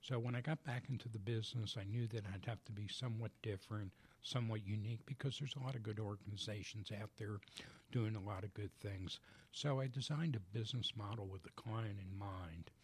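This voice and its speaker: A man guest on a business radio show in a studio, explaining his coaching work in a measured, methodical way. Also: fairly low pitch, slightly rough. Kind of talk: radio interview answers.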